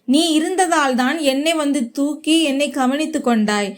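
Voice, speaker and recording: A woman's voice: sits high, normal speed, natural voice. A woman voicing an ailing, anxious pregnant elder sister in a read-aloud story. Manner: pleading, anxious.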